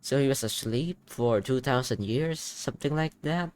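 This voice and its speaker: A young man hosts a gaming reaction video, giving casual, informal commentary and thinking aloud as he goes. His voice is medium-pitched and he speaks at a normal speed.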